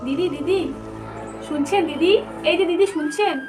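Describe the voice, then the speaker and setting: Woman as a scared big sister, high voice, nervous, repeats herself, music behind. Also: moderate pace, recorded from a distance. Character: scared elder sister walking a dark road. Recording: background music.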